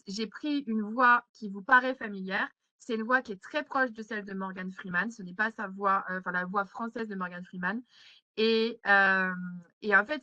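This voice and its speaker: A woman's voice: mid-range voice, sharp tone, dry recording. A woman trainer leading a live online session, hesitant with many fillers as she reads out chat replies. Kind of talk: live webinar teaching. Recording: slightly muffled webinar audio.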